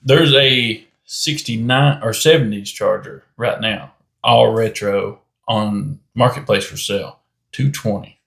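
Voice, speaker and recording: A man's voice: on the low side, takes it slowly, gravelly, fairly bright tone. A man in a casual podcast chat, mostly chiming in with brief agreement. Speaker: podcast co-host.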